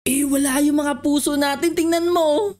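A woman with a high voice hosts a playful game role-play. She talks in an animated, fussy way and exclaims often. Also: normal speed. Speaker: channel host and player.

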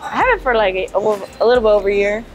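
A woman's voice: medium pitch, sing-song, very fast, crowd noise. A young woman powerlifter chatting casually in a gym, rambling with lots of filler words, on a lapel mic. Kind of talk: casual vlog chat. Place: indoor gym. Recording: background music under the voice.

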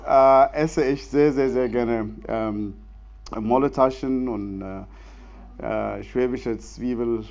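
In his forties, this Sudanese theologian whose first language is Arabic speaks German as a guest in a church stage interview. His medium-pitched voice is earnest, full of hesitations and non-native grammar, and he laughs easily. The church hall makes the sound slightly dull.

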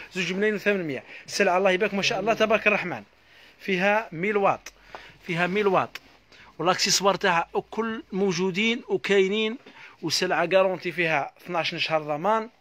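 A man with an Algerian accent giving a live sales pitch in a shop, repeating prices and stock blessing phrases as he hawks his goods. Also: fairly bright tone. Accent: Algerian Arabic. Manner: rapid, repetitive hawking with stock blessing phrases. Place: inside a household goods shop.

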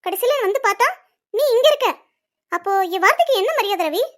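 A jealous, hot-tempered young woman in a cartoon serial. Her voice is very high, and she accuses and stands her ground. There is indignation in every line. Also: animated, quick pace, a bit bright. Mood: indignant.

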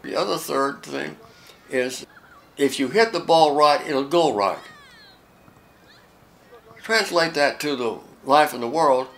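Very old American man, reflective and halting. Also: fairly high pitch, vocal fry, fairly bright tone. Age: late 80s. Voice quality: very old man's voice. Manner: halting, with pauses and repeated words. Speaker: volunteer youth tennis coach. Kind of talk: reflective interview talk.

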